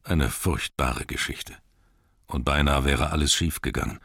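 A man voicing a gruff, wise old male wizard, speaking low and slow. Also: a bit bright, dry recording, studio quality, heavily acted. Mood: grave.

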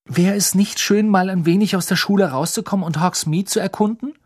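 A man's voice: high voice, fairly quick, pitched above the performer's own voice. A man voicing a clever, bossy teenage schoolgirl, raised and cutting in tone. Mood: sharp. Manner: sharp, cutting, raised and lively.

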